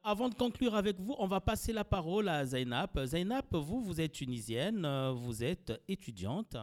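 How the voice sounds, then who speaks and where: A man hosting a community radio interview, putting questions to his guests. He asks with occasional fillers and pauses. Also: high-pitched, big pitch swings.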